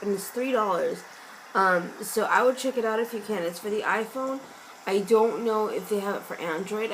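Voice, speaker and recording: A woman with a hoarse, fading voice muses aloud in a loose, self-mocking vlog chat at an average pitch. Rain and thunder sounds play loudly behind her throughout. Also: slight background noise, rough recording. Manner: chatty, meandering, self-mocking. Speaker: vlogger. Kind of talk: casual musing vlog. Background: rain and thunder ambience sounds.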